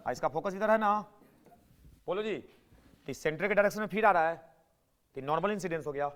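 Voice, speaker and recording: Male physics teacher, high pitch, classroom lecture, keeps pushing students to answer. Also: animated, a little fast, a bit bright, clean tone. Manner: prodding students to answer, repeating points.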